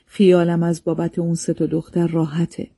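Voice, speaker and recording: A man reading the lines of a worried, tender old mother in a storybook, in a husky, dark voice. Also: fairly high pitch, monotone, dry recording, clean studio sound. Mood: fretful.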